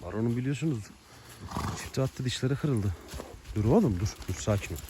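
A man's voice: mid-range voice, expressive, brisk, background noise. A man talking casually to his animals and his viewers on a farm, coaxing them one moment and giving firm commands the next. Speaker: farm vlogger with horses and dogs. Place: outdoors on a rural farm.

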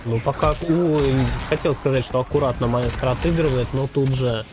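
A man's voice: mid-range voice, normal speed. Man calling fighting game matches over music. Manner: clipped play-by-play calls with gaming jargon, like a fighting game announcer. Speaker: esports tournament commentator.

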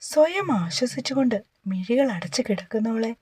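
A woman reading a romance novel aloud with expressive storytelling. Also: on the high side, normal speed, slightly rough, dry recording. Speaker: narrator.

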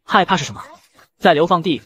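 A man's voice: on the high side, expressive, fast talker, a bit bright, lo-fi sound. A man doing an uneasy young exiled hero. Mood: bitter. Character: anxious young male hero from an exile land.

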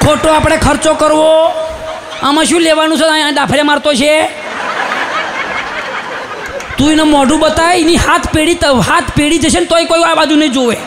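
A man with a Gujarati accent telling a comic story on stage, animated and shouting punchlines as he acts out the people in it. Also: extremely high pitch, moderate pace, long pauses, a crowd in the background, noisy background. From Gujarat, India. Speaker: stand-up comedian.

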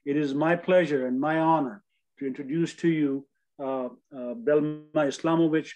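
An older man opens a webinar from home over a video call. He reads his introduction formally, with a slightly high voice and scattered hesitations. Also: fairly even intonation, normal speed, dull audio, over music. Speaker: webinar host. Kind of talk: reading an introduction. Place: home room.

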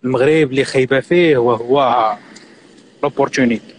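A man's voice: mid-range voice, fairly quick, slight background noise. A middle-aged man from Morocco with a Moroccan accent, a guest on a live stream, giving earnest, insistent advice and mixing in French and English words.

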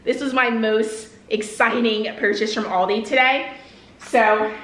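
Young female vlogger, bright upbeat chatter, casual haul talk, roomy kitchen sound. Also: mid-range voice. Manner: upbeat, chatty, addresses viewers as "you guys". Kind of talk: casual haul video chat. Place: home kitchen, indoors. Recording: echoey room.

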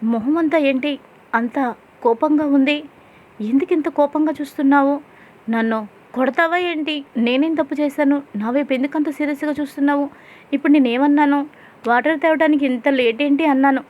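A woman's voice: high-pitched, moderate pace, natural voice. A woman voicing a young married man who fires off teasing questions and then speaks earnestly about his own childhood, reading him in her own voice. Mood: puzzled. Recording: dull lo-fi sound.

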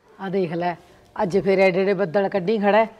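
Guy acting as a worried farmer grumbling, high-ish voice, dull lo-fi audio. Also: steady tone, normal speed, lightly acted. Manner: grumbling, complaining. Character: worried farmer, grumbling about ruined crops. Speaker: actor in a short film. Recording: dull lo-fi sound.

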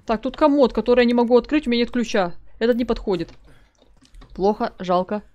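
A woman's voice: a little high, fast, mellow, dull audio. A woman giving casual gameplay commentary as a let's play gamer, chatting to her viewers and reading in-game notes aloud.

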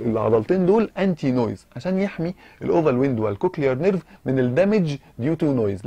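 A man's voice: mid-range voice, creaky, dark tone, no room sound. A man with an Egyptian accent giving an informal medical lecture, asking and answering his own questions and mixing in English terms. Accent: Egyptian Arabic. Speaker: physiology lecturer.

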